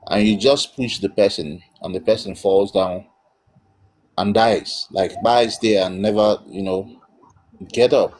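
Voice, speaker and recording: A man's voice: on the low side, fairly even intonation, a little slow, darkish tone. A man giving emphatic, blunt spiritual counsel as host of a live call-in.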